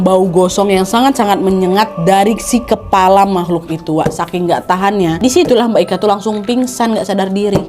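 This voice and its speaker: A woman with a Medanese Indonesian accent hosts casual, dramatic horror storytelling, expressive and chatty, speaking directly to her listeners. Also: medium pitch. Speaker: host retelling listeners' horror stories.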